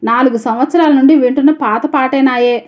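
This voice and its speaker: A woman voicing an irritated male shopkeeper who complains fast about an unpaid debt. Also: sits high, natural voice. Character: irritated shopkeeper man demanding his debt. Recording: dull lo-fi audio.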